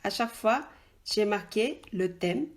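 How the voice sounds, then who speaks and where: A woman's voice: mid-range voice, lively intonation, measured pace. Chatty woman teacher. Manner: chatty and informal, addresses the learner directly, frequent "tu vois?" and hesitations. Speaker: Korean language teacher. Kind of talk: casual spoken lesson, explaining at a whiteboard.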